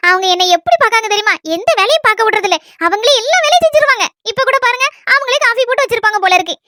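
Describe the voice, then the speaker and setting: A woman's voice: very high-pitched, lively intonation, very fast, bright, forceful tone, no room sound, studio quality, exaggerated voice. Woman doing a chirpy, reassuring young wife. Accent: southern Tamil Nadu village dialect. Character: cheerful young wife defending her in-laws.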